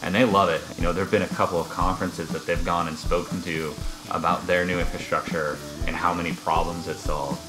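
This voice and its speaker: A man's voice: sits low, level tone, brisk, music in the background, poor audio. A man guesting on a casual cooking show in a home kitchen, talking with enthusiasm.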